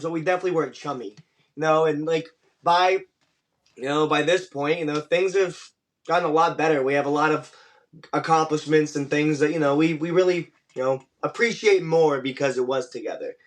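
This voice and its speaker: A man with a somewhat high voice answers questions as an interviewed pro wrestler. His replies are casual, measured, and diplomatic, delivered in a conversational way.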